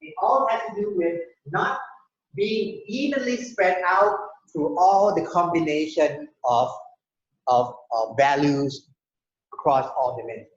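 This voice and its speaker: A man's voice: on the high side, measured pace. A man giving a rambling classroom lecture, often repeating words and checking in with the class. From Thailand. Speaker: university lecturer. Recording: very echoey hall, dull lo-fi sound.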